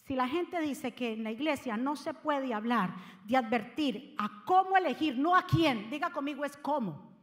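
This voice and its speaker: A woman pastor preaches with fervor, rising to loud calls and then dropping to hushed asides. Her voice sits high, and a long reverb trails after her words in the church. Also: lively intonation, moderate pace. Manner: impassioned preaching, swinging between loud exhortation and quiet asides. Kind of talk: sermon. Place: church sanctuary.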